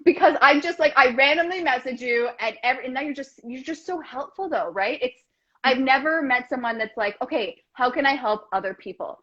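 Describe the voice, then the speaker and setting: Over dull, lo-fi video-call audio, a thirtysomething guest chats casually and animatedly. Her voice is a bit high and bright, and she gushes, her words tumbling out in rushes.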